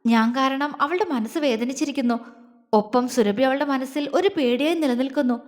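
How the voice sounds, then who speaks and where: A woman storyteller reading a scripted family love story in a steady, measured way, with a long hall reverb. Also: high-pitched. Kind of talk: scripted audio story narration.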